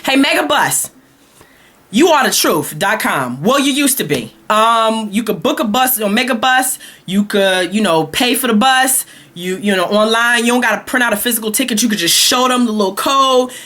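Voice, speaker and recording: Sassy high-voiced Brooklyn woman ranting. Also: moderate pace. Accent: Brooklyn New York. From Brooklyn, New York. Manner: sassy, animated, exasperated ranting. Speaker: vlogger. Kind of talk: comedic rant.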